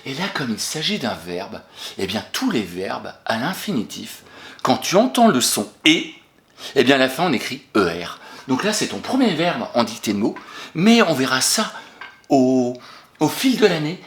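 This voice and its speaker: A man's voice: mid-range voice, sing-song, normal speed. Echoey encouraging French schoolteacher man. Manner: encouraging, patient, questions and praises pupils. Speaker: primary school teacher. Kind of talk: remote spelling lesson for young children.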